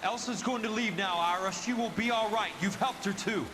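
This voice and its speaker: A man playing a steady, commanding former Marine sergeant in a video game. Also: high voice, moderate pace, in a large hall, natural voice. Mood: somber. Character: gruff male ex-Marine sergeant investigator. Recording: game audio with loud background noise.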